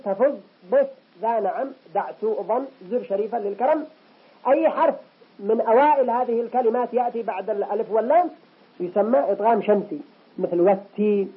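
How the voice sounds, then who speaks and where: A man teaching the rules of Quran recitation. He goes slowly and deliberately and repeats each recited example several times. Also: extremely high pitch, husky. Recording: lo-fi muffled recording.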